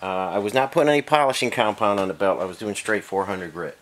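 A man's voice: lowish voice, fast talker. A man casually explaining engine work in a home garage, matter-of-fact with many fillers, heard from an off-screen camera mic. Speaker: engine builder. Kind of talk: casual workshop demonstration.

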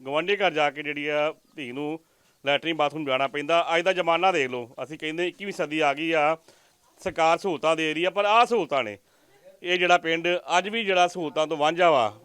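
A man's voice: a little high, fairly quick, fairly bright tone, clear, resonant tone, no echo. A man with a Majhi Punjabi accent reporting from a village, interviewing a poor family and earnestly pleading with viewers. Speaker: news reporter. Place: village outdoors.

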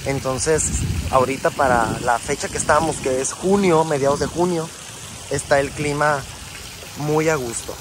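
At normal speed and with a fairly high pitch, a young man chats to his viewers like friends while filming himself at a beach resort. It's relaxed, casual travel vlog narration, shot on a phone camera at arm's length with wind and sea noise in the outdoor audio.

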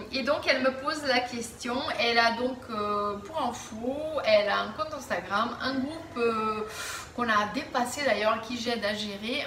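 Bright-voiced woman chatting in an echoey room. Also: fairly high pitch, slight background noise. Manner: chatty, hesitant with many fillers and restarts. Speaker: plant vlogger answering viewer questions. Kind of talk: casual chat to camera. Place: living room at home, indoors. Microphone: camera at a distance. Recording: roomy echo, voice a bit far from the mic.

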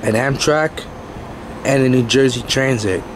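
A man's voice: medium pitch, unhurried. A man giving casual trainspotting commentary from behind a handheld camera on an open-air station platform. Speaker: railfan videographer. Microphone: handheld camera, speaker behind it. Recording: very noisy outdoor train platform. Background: loud ambient station and vehicle noise.

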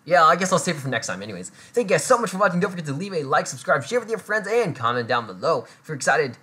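Bubbly, lively gaming commentator. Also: mid-range voice, quick pace, husky. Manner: giggly, chatty, self-deprecating. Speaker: gaming channel host. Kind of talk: let's play commentary.

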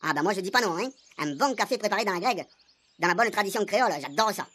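A woman's voice: mid-range voice, expressive, fast, a bit bright, breathy edge, pitched below the performer's own voice. Woman doing a pompous commandant with a Marseille accent. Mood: delighted. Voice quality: fumbling Creole, self-satisfied. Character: pompous male gendarme commandant, showing off. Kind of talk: radio drama acting.

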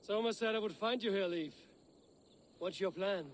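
A Viking warrior, as a man plays him, questions his allies in a direct, probing way. His voice sits a bit high for a man. A faint hiss sits under the game dialogue. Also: moderate pace, close to an everyday voice. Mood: curious. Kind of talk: video game voice acting.

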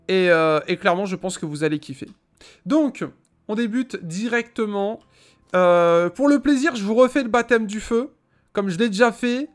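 A young man hosting casual gameplay commentary, exclamatory and slangy, speaking straight to his viewers. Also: sits high. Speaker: gaming video host. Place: small indoor gaming room.

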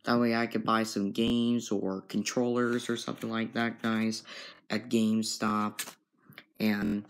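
A young man records a casual vlog on his phone in his bedroom, speaking in a fairly low voice. He talks very slowly, circling back over the same points again and again and calling out to his viewers. The sound is the plain audio of a handheld phone. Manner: slow and repetitive, keeps addressing "guys". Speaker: vlogger. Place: bedroom at home. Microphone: handheld phone camera.

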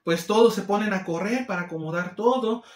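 Man, Mexican accent, high voice, casual storytime, animated quoting, echoey room. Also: a little fast. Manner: animated, acts out quoted people in shifting voices. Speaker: vlogger. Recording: roomy echo.

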